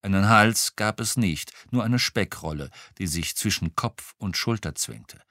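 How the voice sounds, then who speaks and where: A man reading a first-person crime novel aloud, telling it in a wry, lively way. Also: lowish voice, unhurried, no echo, clean studio sound. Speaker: audiobook reader.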